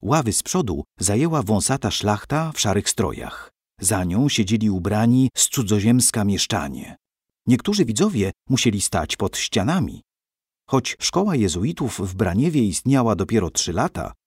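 A man narrating a story for young listeners in an expressive way, acting out the characters. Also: on the low side, husky, no room sound, clean studio sound.

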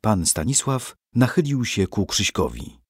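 A man narrating a story for young listeners in an expressive way, acting out the characters. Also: medium pitch, unhurried, breathy edge, no room sound, clean studio sound.

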